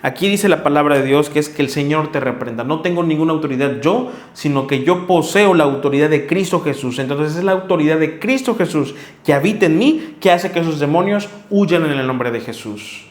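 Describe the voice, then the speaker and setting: A man's voice: a little high, animated, brisk, few pauses. A man preaching a sermon, reading Bible verses and earnestly scolding his listeners. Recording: echoey room.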